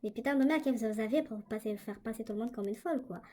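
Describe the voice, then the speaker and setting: Talking fast in a mellow, slightly high voice, a young woman relates a story for her vlog with plenty of fillers and hesitation. Slight background noise comes through the tablet microphone she uses indoors.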